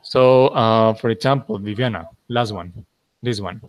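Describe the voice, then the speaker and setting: A man's voice: fairly low pitch, slow, slight background noise. A man teaching a grammar class, explaining rules patiently, repeating key points and often checking that his students follow. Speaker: English teacher.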